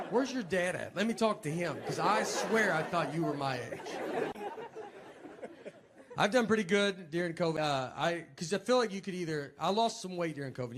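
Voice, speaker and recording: A man's voice: sits high, animated, moderate pace, crowd noise, background noise. A man in his forties doing a stand-up routine, telling stories in an understated, laid-back way with lots of "like" fillers. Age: 40s. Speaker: stand-up comedian.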